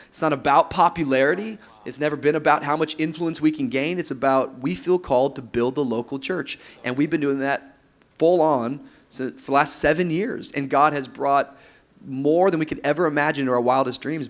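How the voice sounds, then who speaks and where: This man's voice is fairly high and a bit bright. He is a pastor in his thirties on a conference panel, speaking energetically from the stage of a large room full of people and laughing while imitating couples.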